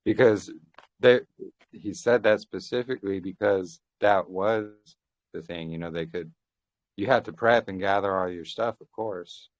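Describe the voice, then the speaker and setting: Speaking a little slowly in a fairly low voice with no room sound, a Bible study group member takes part in a relaxed group discussion by phone. His thin line keeps fading as he gives long explanations, cites scripture and starts his phrases over. The audio is dull, dry, lo-fi call quality.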